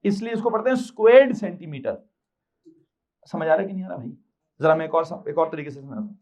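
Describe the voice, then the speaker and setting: A man's voice: a little high, lively intonation, racing, a little mellow, highs cut off. A male physics teacher with a Pakistani Urdu accent, lecturing a class and quizzing the students with repeated questions.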